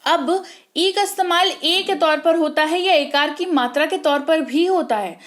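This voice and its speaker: A woman teaching an online spelling lesson who asks the class questions and answers them herself, spelling out words slowly and repeating them. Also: high-pitched, a bit bright. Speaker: English teacher.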